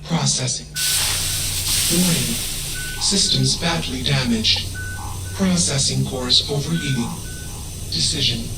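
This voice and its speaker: Flat emotionless ship AI. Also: male voice, mid-range voice, slow, gravelly, long pauses, roomy sound, loud music behind the voice, rough recording. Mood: flat logical. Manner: flat, emotionless, clipped machine-like statements. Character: emotionless male ship AI, cold and logical. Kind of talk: video game dialogue.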